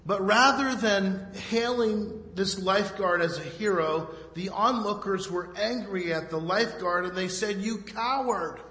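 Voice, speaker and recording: A man preaching a sermon in short phrases, pausing so an interpreter can translate. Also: sits high, pushed and bright. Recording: echoey hall with long reverb.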